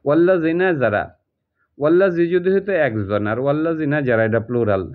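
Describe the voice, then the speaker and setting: A man's voice: on the high side, very animated, fast talker. Man, patient repetitive teacher, tinny lo-fi sound. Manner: repetitive, step-by-step explaining. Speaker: Quran translation teacher. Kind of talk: recorded lesson explaining Arabic word by word. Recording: tinny phone-like audio.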